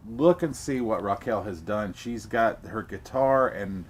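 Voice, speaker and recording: A man's voice: on the low side, a little slow, slight background noise. A man hosting a casual music interview, chatty and enthusiastic, often stumbling and repeating words. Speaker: host.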